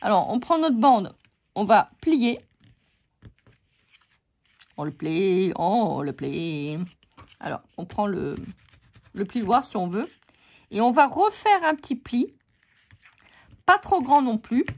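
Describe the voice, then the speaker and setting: A woman's voice: mid-range voice, very animated, slow, long pauses, darkish tone. A woman hosting a casual card-making tutorial, joking and teasing her viewers as she works.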